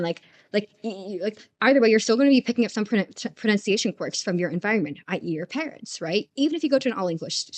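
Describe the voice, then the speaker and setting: A young adult woman chats casually on a live art stream, her voice sitting at an ordinary middle pitch. She rambles from one point to the next, animated, often stammering and restarting her sentences. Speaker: livestreamer. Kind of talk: casual storytelling chat while drawing.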